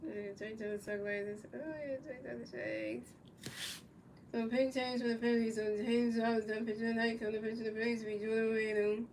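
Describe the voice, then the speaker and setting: A US woman with a somewhat high, steady, slightly mellow voice does fairly quick, casual play-by-play for a baseball video game. She repeats herself, stumbles over calls and chats with viewers, recorded on a distant mic with faint background noise.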